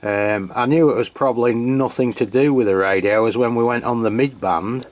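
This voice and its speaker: This is a medium-pitched man from England speaking at normal speed with no room sound. Reviewing a radio outdoors on a cold, wet hilltop, he keeps up a chatty, casual talk to camera packed with fillers and restarts, captured with a handheld radio mic and camera.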